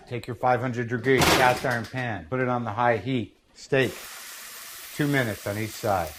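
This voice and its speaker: A man's voice: medium pitch, steady tone, moderate pace. A man hosting a casual cooking demonstration, talking bluntly with rambling, profane asides. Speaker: cooking show host. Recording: faint noise, sizzling pan.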